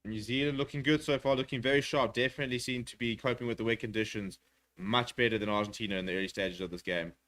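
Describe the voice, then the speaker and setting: Fast-talking male rugby commentator. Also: mid-range voice. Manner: rapid, excitable play-by-play with filler words. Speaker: watchalong commentator. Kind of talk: live rugby commentary with chat replies.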